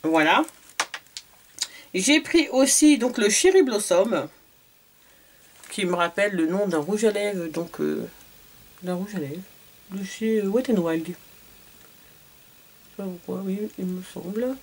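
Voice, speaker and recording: A woman's voice: mid-range voice, animated, slow, pauses often, a little hiss or hum. A woman from France, a beauty vlogger, chatting casually through a shopping haul video, hesitant with many fillers and repeated words.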